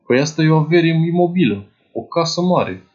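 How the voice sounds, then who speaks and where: Voicing a fussy, poor older clerk who dotes on and confides in a young woman, a man delivers a chatty dramatized literary monologue. His natural voice is fairly high, expressive and darkish, with dull audio.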